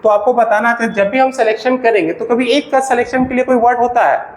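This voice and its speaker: A man with an Indian accent and an extremely high, quick voice teaches an English grammar lesson for exam preparation, classroom style. He keeps posing questions and answering them himself, and the rough recording is reverberant.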